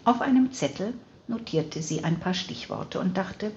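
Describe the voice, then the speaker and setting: A woman narrating an audiobook in an even, measured reading voice, on slightly dull audio. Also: on the low side, a little hiss or hum. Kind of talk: scripted narration.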